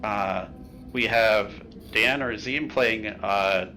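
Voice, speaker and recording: Male game master, bright voice, joking and rambling casual recap, faint background hiss. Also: on the low side, slow, poor audio. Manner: joking, rambling with many filler sounds.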